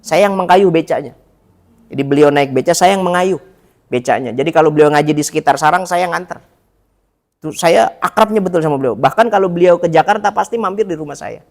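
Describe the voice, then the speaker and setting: A man's voice: a little high, quick pace, a little mellow. A middle-aged man, an ustadz giving a chatty, joking mosque sermon that speaks directly to the women listening. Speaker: ustadz, religious teacher. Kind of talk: mosque study-circle sermon.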